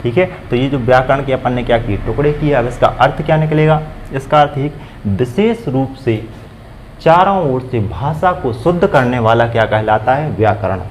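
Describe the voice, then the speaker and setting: Grammar teacher quizzing and answering himself. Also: male voice, medium pitch, expressive, moderate pace, slight background noise, poor audio. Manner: asks questions and answers them himself, repeating key words. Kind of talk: classroom-style grammar lesson.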